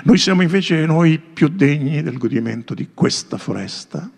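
A man's voice: fairly high pitch, lively intonation, moderate pace, creaky, darkish tone, breathy edge, voice pushed up, full character voice. Man playing a mocking young prince, boastful, raised voice, storybook. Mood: scornful boasting. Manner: boastful, scornful.

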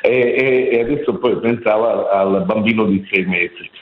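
An older man calling in to a live radio show over a poor phone line that sounds like speakerphone, speaking earnestly and critically with many halting fillers. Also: on the low side, steady tone. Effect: heard over a poor phone line, sounding like speakerphone. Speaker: radio call-in listener. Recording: tinny, echoey phone line.

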